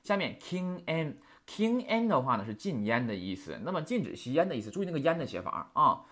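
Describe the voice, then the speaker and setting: Male language teacher, fast and animated, chatty and heated. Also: a little high. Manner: chatty, heated, rhetorical questions. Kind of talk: casual lecture with rants.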